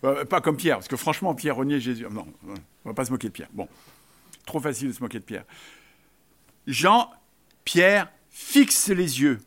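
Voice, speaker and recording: A man's voice: mid-range voice, expressive, moderate pace, long pauses, fairly bright tone. A man preaching a sermon, talking conversationally with joking asides and emphatic repeated phrases.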